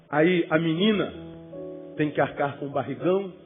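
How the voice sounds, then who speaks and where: A man preaching a sermon to young people as a pastor, emphatic, with rhetorical questions and joking asides. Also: a little high. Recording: phone-like, with loud music.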